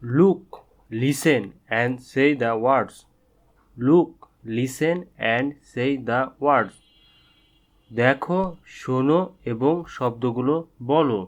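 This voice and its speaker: A man teaching an English lesson, repeating words slowly and spelling them out letter by letter. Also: medium pitch. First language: Bengali. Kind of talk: slow, drilled English lesson with repetition.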